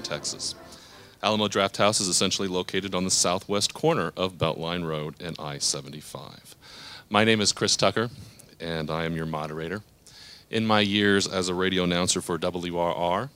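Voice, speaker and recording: A man moderating a live interview on a theater stage, with a measured, announcer-like delivery. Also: sits low, a bit bright.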